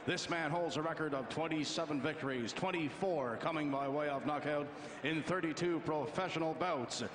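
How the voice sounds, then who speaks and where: A middle-aged man announces from a boxing ring in a formal, ceremonious style. His voice sits fairly high and echoes through a big arena, with clear noise around it. He stretches names out grandly as a ring announcer does. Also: fairly bright tone. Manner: ceremonious, drawn-out delivery of names. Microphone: handheld microphone.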